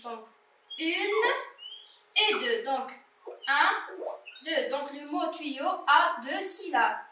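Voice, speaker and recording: A woman's voice: high-pitched, animated, drawn-out words, pushed and bright, slight background noise. A woman teaching a primary school French reading lesson, patiently sounding out words syllable by syllable for young children. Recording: echoey room, voice from a distance.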